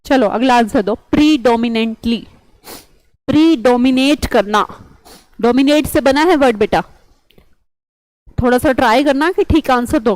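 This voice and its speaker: A woman's voice: sits high, dry recording, poor audio. A woman teaching an online vocabulary lesson, chatty and coaxing, quizzing students with memory tricks.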